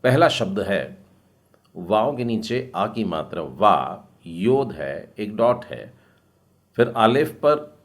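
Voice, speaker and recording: Slow, patient man teaching Hebrew. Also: lowish voice. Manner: patient, spells out each word slowly and repeats it. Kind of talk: slow step-by-step lesson.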